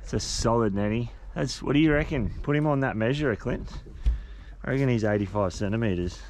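Excitable Australian man on a fishing boat. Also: mid-range voice, brisk. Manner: loud, excitable, swears casually. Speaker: fishing vlogger. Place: outdoors on a boat at sea. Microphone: action camera. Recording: outdoor boat noise. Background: wind, water and boat engine.

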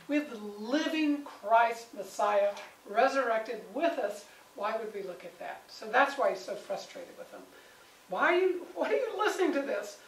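A woman with a somewhat high voice leads a Bible study for a small group, chatting and asking them questions. She acts out the people she quotes. The sound is roomy and distant, with faint noise behind her. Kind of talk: conversational Bible teaching.

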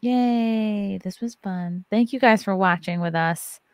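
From a home studio glowing with neon lights, a thirtysomething woman hosts a casual livestream podcast, joking loosely and cursing freely. She talks slowly in a mid-range voice into a big arm-mounted studio mic, and the recording is dry and close-miked.

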